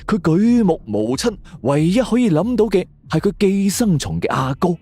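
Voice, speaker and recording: This audio drama narrator speaks in a high-pitched, sing-song, mellow voice at a moderate pace, with a Hong Kong Cantonese accent. He delivers a scripted suspense tale theatrically and suspensefully while music plays underneath.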